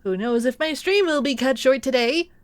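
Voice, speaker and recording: A woman streaming a video game, reading out story text and commenting on it in an expressive, theatrical way. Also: high voice, moderate pace, no echo. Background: music.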